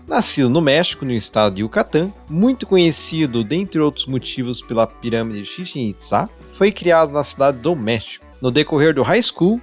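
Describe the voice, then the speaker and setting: Formal male podcast host. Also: medium pitch. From Brazil. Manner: measured, formal reading. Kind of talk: scripted podcast intro and interview.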